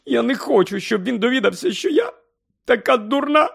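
A man voicing a distraught middle-aged mother witch, sobbing and pleading in a shrill, high voice. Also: animated, takes it slowly, creaky, breathy edge, heavily acted.

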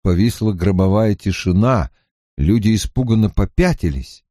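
A man narrating a fantasy novel as an audiobook in an expressive storytelling manner. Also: lowish voice, moderate pace, dry recording, clean studio sound.

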